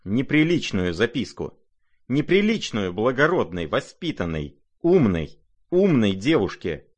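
A man voicing an irate, imperious older noblewoman who scolds in shrill, impatient outbursts. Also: big pitch swings, unhurried. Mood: scolding.

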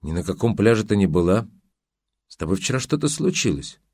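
A man's voice: lowish voice, sing-song, a little fast, darkish tone, breathy edge. A man reading an audiobook, voicing a stern, caring older former nanny who questions strictly.

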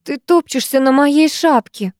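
A woman voicing a shy, hurt teenage schoolgirl who speaks quietly and hesitantly. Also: sits high, measured pace, no echo, studio quality, voice pushed up.

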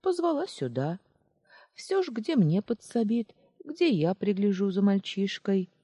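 A hoarse old village woman, as an audiobook reader puts her on, kindly but forever grumbling and scolding. Her husky, mellow voice leaps about in pitch, fussing over everyone around her. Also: big pitch swings, measured pace, no room sound, studio quality. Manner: good-natured grumbling, scolding. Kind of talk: audiobook character voice.

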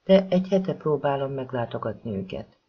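An audiobook narrator voicing a gentle, weary young woman who speaks softly and tenderly. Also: mid-range voice, big pitch swings, slightly rough. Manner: soft, motherly, tender. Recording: slightly dull lo-fi recording.

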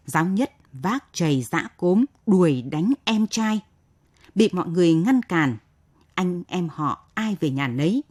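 A woman narrating a late-night radio story in a measured, steady way. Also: fairly low pitch.

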